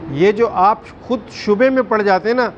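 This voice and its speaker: A man teaching a Quran recitation class, firm and questioning, drawing out recited words slowly. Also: high-pitched, lo-fi sound, slight background noise. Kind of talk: classroom tajweed lesson.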